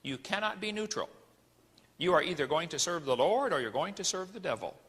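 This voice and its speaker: Animated preachy man in an echoey hall. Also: sits high, fairly quick, husky. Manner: animated, preachy, rhetorical questions, folksy asides. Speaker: creationist ministry speaker. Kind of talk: lecture-style sermon to an audience.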